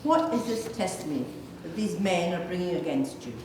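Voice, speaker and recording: In a large, echoing church, a woman with a fairly low voice reads several minor parts in a dramatised Bible reading, sounding animated and moving fairly quickly. The distant mic catches heavy reverberation and faint noise.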